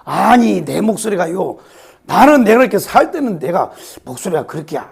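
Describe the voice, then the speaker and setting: A hoarse man preaches a sermon in a gravelly, raspy voice. He repeats phrases for emphasis and at times sinks to a whisper. His pitch sits high and swings widely. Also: very animated, moderate pace. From South Korea, Yeosu-Suncheon area. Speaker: pastor.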